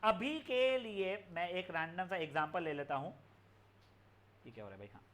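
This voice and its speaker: At a moderate pace, a young man with a high, animated and fairly bright voice gives a live physics lecture online. He switches between Hindi and English in a chatty way and speaks fondly to the students.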